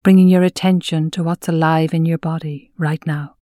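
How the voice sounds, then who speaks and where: A woman gently narrates a guided mindfulness meditation, soothing and measured, her soft, low voice trailing into breath with long pauses between phrases. Her delivery is flat, and the clean studio recording has no room sound.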